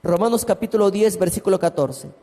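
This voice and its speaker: High-voiced pastor preaching. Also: male voice, fairly quick, warm tone. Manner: storytelling with asides to the congregation. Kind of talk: sermon. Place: church hall. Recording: long church hall reverb.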